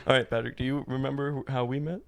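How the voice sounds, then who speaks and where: A man's voice: mid-range voice, steady tone, racing, vocal fry. A man in his twenties co-hosting a podcast, chatting casually, joking and rambling with frequent laughs. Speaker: podcast co-host. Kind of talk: casual chat.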